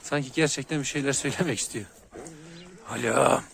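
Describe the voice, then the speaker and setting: A man's voice: fairly quick, gravelly, a little hiss or hum. Turkish-speaking man narrating his dog vlog. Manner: coos at dogs in a high, loud voice, calm and lower when explaining. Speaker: dog breeder vlogger. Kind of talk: casual vlog narration to viewers. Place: outdoors with dogs.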